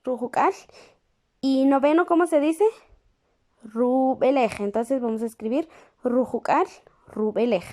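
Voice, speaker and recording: A woman teaching a lesson, speaking patiently and pausing to check in with the class. She repeats each word slowly while writing it down. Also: high-pitched, mellow. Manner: checks in with the class through questions. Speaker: language teacher.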